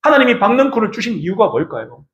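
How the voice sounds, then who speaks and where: A male pastor delivers a Sunday sermon with a high voice and a wide, lively melody. He keeps asking the congregation questions. The sound rings around an echoey church room. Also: quick pace, muffled recording. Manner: animated preaching, asks the congregation questions. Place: church sanctuary.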